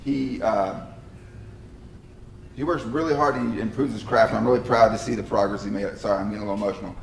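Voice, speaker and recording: A man giving a heartfelt shout-out to a coworker at a meeting. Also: lowish voice, steady tone, vocal fry, a little hiss or hum. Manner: heartfelt, quick. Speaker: real estate agent. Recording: echoey room from a distance.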